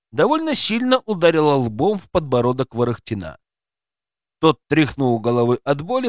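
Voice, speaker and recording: A man narrating an audiobook with a lively, dramatic delivery. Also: fairly high pitch, no echo, studio quality.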